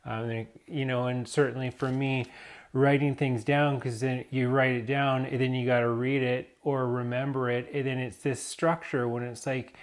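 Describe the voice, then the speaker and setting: A man's voice: mid-range voice, level tone, moderate pace. A man talking unscripted to camera in a vlog, rambling and hesitant, with many fillers and restarts, and a cough from dust. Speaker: vlogger.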